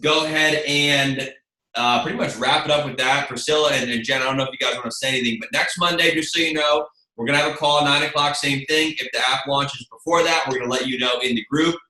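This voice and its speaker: Here a man speaks in a mid-range voice that stays steady yet sharp, moving at a quick clip. He's a marketing presenter running an online team meeting, pitching informally and rambling on while addressing people as "you guys." Captured through a video call, the sound carries room echo, light noise, and clicking.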